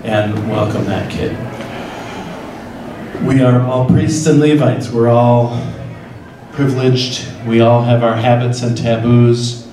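In a big church hall lined with tables, a medium-pitched, middle-aged priest with a Midwestern American accent leads guided meditation and interactive forum talk. He unfolds the story slowly and reflectively, speaking to listeners in the second person, his voice bouncing off the walls. A handheld mic, filmed from far across the room, catches steady room noise too.

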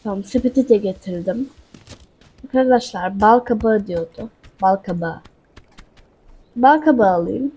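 A woman with a warm, husky, medium-pitched voice speaks a little slowly with long pauses as she hosts her gaming channel. She chats casually to viewers while playing and talks back to a character in the game.

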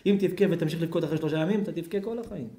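Animated, high-pitched rabbi preaching in an echoey hall. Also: male voice. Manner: dramatic, swinging from loud outbursts to near-whispers. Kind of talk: sermon to a congregation. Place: community lecture hall.

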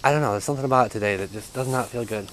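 Racing along in a medium-pitched voice, a young urban explorer films a handheld vlog in an overgrown outdoor yard. He sounds hesitant and uneasy, trailing off mid-sentence, and the poor audio carries slight background noise.

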